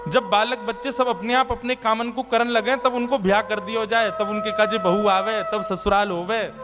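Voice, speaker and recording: A man voicing mother Yashoda, a patient, gentle woman who soothes and coaxes her little son, in a devotional story. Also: high-pitched, steady tone, normal speed, in a large hall, music in the background, voice pushed up, close to an everyday voice. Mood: coaxing. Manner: soothing, coaxing.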